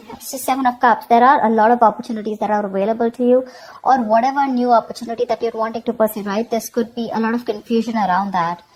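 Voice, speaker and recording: With a fairly high voice on poor audio with slight hiss or hum, a woman who hosts a tarot channel does an improvised reading. Her tone is conversational, and she frequently drops in tag questions like "okay" and "you know" directed at the viewer.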